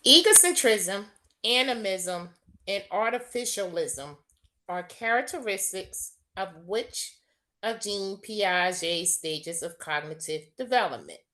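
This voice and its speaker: A woman student in an exam study group, eager and self-deprecating, working through questions out loud. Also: medium pitch, lively intonation, slow pace.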